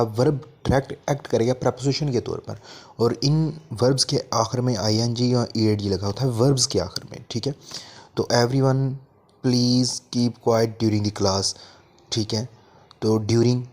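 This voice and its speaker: A man teaching an English grammar lesson, explaining in Hindi-Urdu with frequent fillers and reading English examples slowly. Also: medium pitch, a little mellow. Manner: frequent "theek hai" and "a" fillers.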